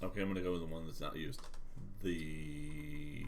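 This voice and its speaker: A man playing a tabletop game, quick and indignant in his banter. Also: extremely low pitch, fairly even intonation, noisy background. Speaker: player.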